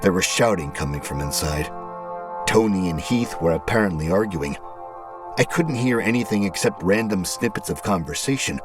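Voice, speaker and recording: With music underneath, a man whose voice sits low delivers an animated, scripted first-person horror tale. His phrasing is deliberate and his tone dramatic and suspenseful.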